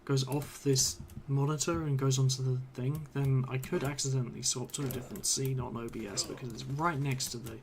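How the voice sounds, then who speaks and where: Streaming a game at his computer at home, a man speaks fairly quickly at medium pitch with fairly even intonation and hardly any pauses. The rambling chat is hesitant and filler-heavy, with sentences trailing off, and his voice is a little strained from talking so long. A slight hiss or hum sits under the recording.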